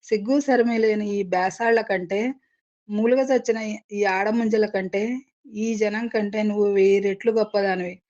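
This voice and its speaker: A proud village woman, played by a woman narrator speaks emphatic praise. The storybook voice is mellow and warm, with a dull, lo-fi tone. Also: mid-range voice, steady tone, a little slow, close to an everyday voice.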